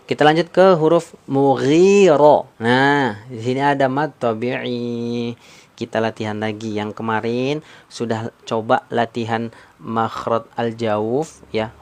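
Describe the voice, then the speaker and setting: Guy teaching tajwid on a live stream, patient, keeps asking the chat questions, mid pitch. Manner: patient, repeats points, quizzes viewers. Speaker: Quran recitation teacher.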